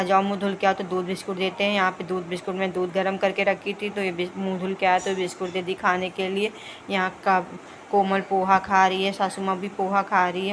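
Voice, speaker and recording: Young woman chatting through her daily home vlog, pretty flat delivery, bit of faint background noise. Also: mid-range voice. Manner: chatty, running commentary on home routine. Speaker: vlogger. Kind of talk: casual vlog narration.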